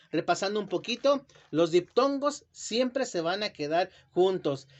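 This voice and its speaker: A man teaching children a lesson, speaking slowly and carefully and stretching words out syllable by syllable. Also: high-pitched. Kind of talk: classroom lesson explanation. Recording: dull lo-fi sound.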